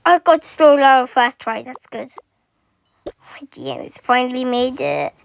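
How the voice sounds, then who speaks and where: A woman's voice: high-pitched, big pitch swings, measured pace, vocal fry. A woman chatting playfully while playing a game, switching into little character voices as she plays out scenes. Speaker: game channel creator. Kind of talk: casual role-play while playing a game.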